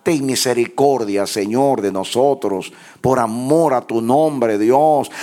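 A pastor leading a fervent prayer in church, moving between hushed low pleas and raised impassioned cries. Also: male voice.

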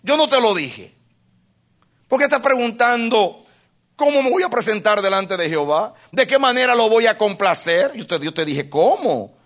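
A man with a high voice preaches a sermon straight to his congregation. He asks them question after question and repeats key phrases for weight. He drops to a hush, then climbs to full, ringing force. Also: very animated, moderate pace. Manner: impassioned, swings from hushed to loud, repeats phrases for emphasis; addresses the congregation directly with questions.

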